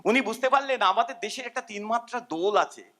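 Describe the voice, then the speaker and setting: A man's voice: sits high, a little fast. An older man, a musician, giving an informal, rambling seminar talk and humming melodies now and then. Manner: animated, rambling, self-deprecating, hums tunes.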